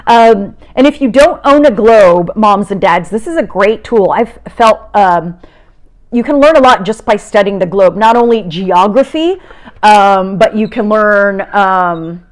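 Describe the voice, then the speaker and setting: A middle-aged South American woman, a TV meteorologist, gives a casual science lesson for kids from home. Her medium-pitched voice is animated and a little slow, and she stays chatty and upbeat, often saying "uh" and restarting sentences.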